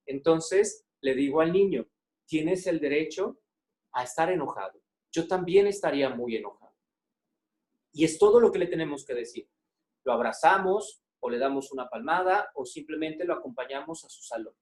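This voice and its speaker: Male psychologist, fairly high voice, conversational webinar talk, filler words, rhetorical check-ins. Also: a little mellow. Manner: conversational, asks the audience frequent check-in questions; many "eh" and "este" fillers. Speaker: psychologist giving a teacher webinar.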